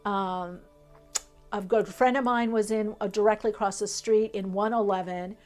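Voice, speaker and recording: A woman's voice: medium pitch, steady tone, moderate pace, a little mellow, faint music behind. Spiritual woman tarot reader, flowing lists. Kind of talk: tarot reading for viewers.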